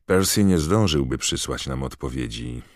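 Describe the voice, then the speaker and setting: A man's voice: very deep voice, lively intonation, normal speed, no echo, clean studio sound. A man reading an audiobook voices a blunt, grumbling teenage schoolboy wizard in a matter-of-fact tone.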